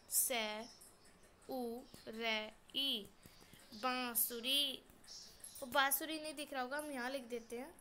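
A ninth-grade schoolgirl hosting a beginner's language lesson, sounding out each letter and syllable slowly for learners. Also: a little high, bright, forceful tone, slight background noise. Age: teenager, ninth-grade student. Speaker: channel host teaching Hindi letters. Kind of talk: spelling out words syllable by syllable for learners.

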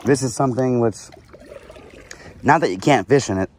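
A man filming himself from a kayak on a lake with a head-mounted action camera, chatting casually while he fishes and getting excited when a fish bites. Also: medium pitch, moderate pace, slight background noise. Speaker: fishing vlogger.

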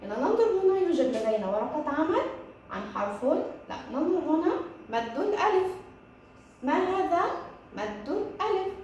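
A woman's voice: high-pitched, big pitch swings, a little mellow, distant mic, highs cut off, slight background noise. Sing-song woman teaching small children. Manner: slow, sing-song teacher talk with lots of praise, mixing in English words. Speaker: kindergarten Arabic teacher. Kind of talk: distance-learning lesson for young children. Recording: very echoey room with faint ambience.

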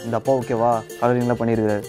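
A young man playing a pushy student hustler who rents out fake parents, calling out loudly in a comedy sketch. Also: medium pitch, little pitch movement, music in the background, lightly acted. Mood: persuasive. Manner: shouting hawker calls, fast and pushy. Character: loud fast-talking male student hustler renting fake parents. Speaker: rent-a-parent hawker. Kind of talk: Tamil comedy sketch acting.

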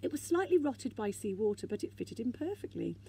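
A woman reading a children's story aloud in a gentle, expressive way. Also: a little high, a little fast, husky.

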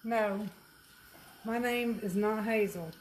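A woman's voice: mid-range voice, slow, a little hiss or hum. An older woman with a Southern US accent, bantering and teasing while she films a home cooking session on a handheld camera in a kitchen. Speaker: cooking show co-host filming. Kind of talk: casual cooking chat.

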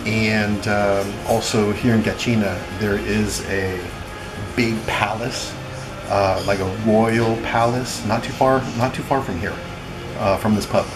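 A middle-aged man vlogging casually from a small pub, talking in a relaxed, rambling way full of ums and uhs, filmed on a handheld camera at arm's length. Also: fairly low pitch, a little slow, poor audio. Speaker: travel vlogger. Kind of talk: casual travel vlog. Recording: loud music behind.

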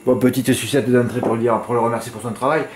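A man's voice: medium pitch, fairly even intonation, quick pace, roomy sound, slight background noise. A man giving horse racing tips to his viewers in a casual monologue, chatty and peppered with little tag words, flaring into exasperated rants. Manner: chatty, peppered with "hein", flares into exasperated ranting.

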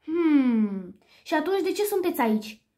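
A woman's voice: sits high, big pitch swings, warm tone, pitched above the performer's own voice. A woman doing a charming male alley cat. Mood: casual.

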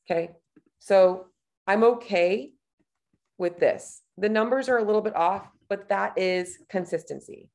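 A woman's voice: medium pitch, measured pace, gravelly, a little mellow. A woman in her thirties, a nutrition coach, talking casually and thinking aloud as she clicks through a screen-share tutorial over a webcam.

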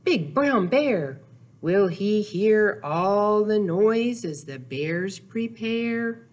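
Very slow and expressive, an older woman with a medium-pitched, darkish voice reads to small children at storytime. She is seated before a wall in a small room, using short, simple phrases and playful sound words as she talks and reads aloud.

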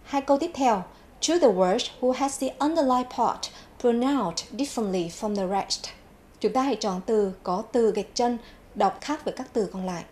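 A woman's voice: a little high, darkish tone. A woman teaching a televised English vocabulary lesson, repeating each English word twice before giving its meaning. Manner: clear, measured classroom delivery. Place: TV studio.

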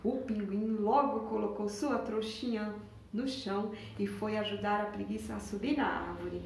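A woman teacher with a Brazilian accent telling a story to young children, expressive and asking them questions. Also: mid-range voice, moderate pace, gravelly, slight background noise. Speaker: preschool teacher. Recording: echoey room, mic far off.

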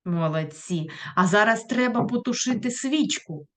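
A woman teaching a primary school lesson, talking to children in a clear, patient voice and asking questions as she goes. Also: medium pitch, animated, moderate pace, a bit bright. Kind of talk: recorded online lesson for children.

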